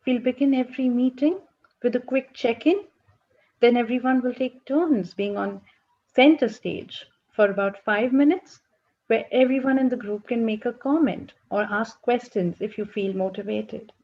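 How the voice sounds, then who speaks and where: An actress playing a calm group counsellor who speaks in a gentle, measured way and murmurs encouragement. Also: female voice, on the high side, lo-fi sound.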